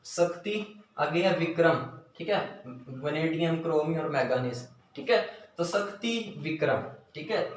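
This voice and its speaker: Man, teacher, slightly high voice, booming echo, far from the mic. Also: a bit bright. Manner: repetitive, drills phrases slowly. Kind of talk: classroom lesson with memory tricks. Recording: very echoey room, voice from a distance, faint noise.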